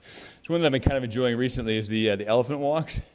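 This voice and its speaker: A man's voice: mid-range voice, fast talker. A male fitness trainer coaching a workout, out of breath and exhaling hard between moves, chatty and encouraging. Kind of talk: workout instruction.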